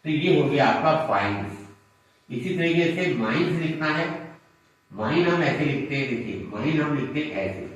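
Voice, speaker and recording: A man with a slightly high voice and lively intonation teaches shorthand at a normal pace, patiently explaining each stroke step by step in a classroom lesson at a board. The room echoes and the mic sits far away.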